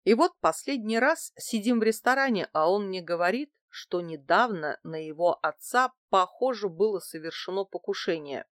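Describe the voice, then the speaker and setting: A woman's voice: medium pitch, lively intonation, normal speed, few pauses, a bit bright, dry recording, clean studio sound, close to an everyday voice. Woman voicing a smug flirtatious businessman. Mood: confiding. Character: smug married male travel agency director. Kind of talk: audiobook character voicing.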